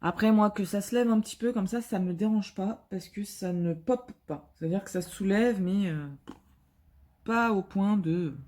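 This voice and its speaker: A woman's voice: mid-range voice, normal speed, dark tone. Hesitant woman chatting as she crafts. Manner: hesitant, full of filler sounds and restarts; chatty and self-mocking. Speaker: vlogger. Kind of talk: casual chat while diamond painting.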